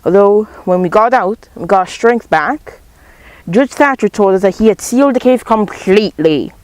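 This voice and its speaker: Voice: medium pitch, expressive, normal speed, no room sound, natural voice, low-quality recording. A student voicing Tom Sawyer, a bold boy retelling his adventures in a school character play. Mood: proud.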